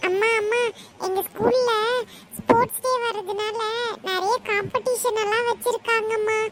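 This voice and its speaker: A woman's voice: extremely high pitch, steady tone, normal speed, a little hiss or hum, voice pushed up. A woman voicing a teasing young schoolboy in a cartoon, pleading and cheeky by turns.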